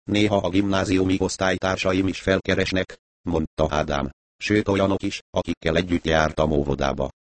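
A man's voice: deep voice, fairly even intonation, no room sound, lightly acted. A man reading a dry, reserved hero.

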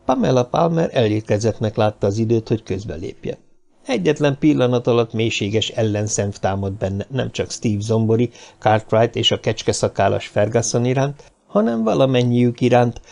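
Gravelly male audiobook narrator. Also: medium pitch, a little mellow. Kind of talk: scripted narration.

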